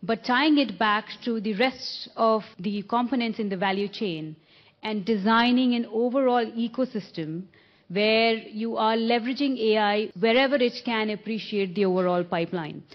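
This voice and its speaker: A woman's voice: fairly high pitch, lo-fi sound. Woman panelist listing technical points. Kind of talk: conference panel talk.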